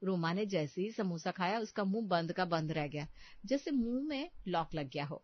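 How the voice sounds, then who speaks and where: A woman narrating a children's cartoon story in an even storytelling manner. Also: fairly low pitch, no room sound. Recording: dull, dry lo-fi.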